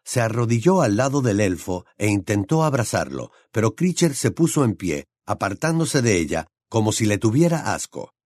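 A man reading a novel aloud as an audiobook narrator, dramatic and expressive. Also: on the low side, normal speed, hardly any pauses, no echo, studio quality.

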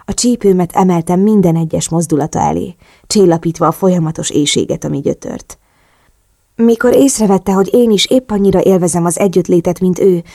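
A woman reading a romance novel aloud in the first person, slow, intimate and sensual. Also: on the low side, vocal fry, warm tone, dry recording, clean studio sound. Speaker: audiobook narrator.

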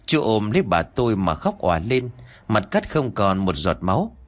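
Lower-voiced man telling a ghost story. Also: normal speed. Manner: expressive, dramatic storytelling.

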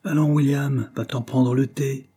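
A man reading an audiobook, voicing a bitter, sharp-tongued young man who lies sulking in bed. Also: mid-range voice, steady tone, a little slow, breathy edge, pitched above the performer's own voice. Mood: bitter, irritated. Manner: sarcastic, irritated. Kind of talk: audiobook character voice.

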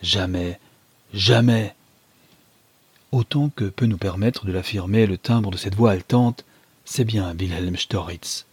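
A man reading a novel aloud as a dramatic first-person narration, measured and gripping. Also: on the low side, dark tone, husky, dry recording. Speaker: audiobook reader.

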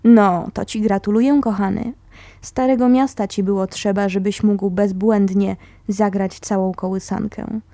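A dignified older music teacher who speaks with quiet command and real tenderness, as a woman narrator voices her. Her tone is mellow and soft-edged, and the recording is close and dry, with no room around it. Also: mid-range voice, steady tone, unhurried, no echo, close to an everyday voice. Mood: firm. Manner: commanding yet affectionate.

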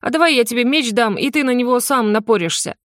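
A woman's voice: fast talker, no echo, studio quality, close to an everyday voice. Woman putting on a whiny stammering young prince. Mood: whining. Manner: high, whimpering, pleading.

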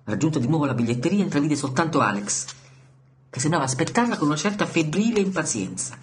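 A man reading a novel aloud in a measured, soft narration that sometimes drops near a whisper. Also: fairly high pitch, sing-song, slight background noise. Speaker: audiobook reader. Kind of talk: scripted literary narration.

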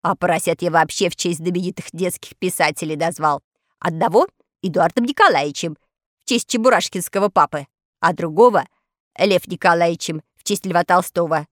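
A woman's voice: on the low side, no room sound, studio quality, voice pushed down, lightly acted. Woman doing a chattering postman dressed as a chicken. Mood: proud. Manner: rattles on quickly, clucks.

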